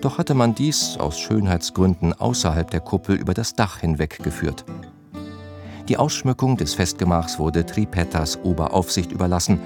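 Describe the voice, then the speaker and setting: Male audiobook narrator, deep and measured, guitar bed underneath. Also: expressive. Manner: measured, literary storytelling. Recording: narration over guitar music.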